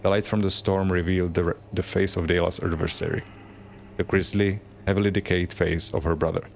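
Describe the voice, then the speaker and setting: Low gravelly-voiced man reading game lore. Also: little pitch movement, a little fast, a little hiss or hum. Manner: plain unacted reading with asides. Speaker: game streamer. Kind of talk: reading lore aloud while playing.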